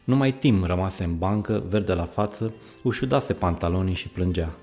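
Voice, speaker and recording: A man with a fairly low voice reads a children's story aloud, lively and expressive. Faint music plays quietly under his narration.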